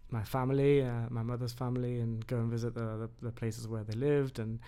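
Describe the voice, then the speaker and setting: A man's voice: mid-range voice, flat delivery, brisk, warm tone, clean tone. A man raised in England, a podcast guest who talks hesitantly with many fillers. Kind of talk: casual conversation.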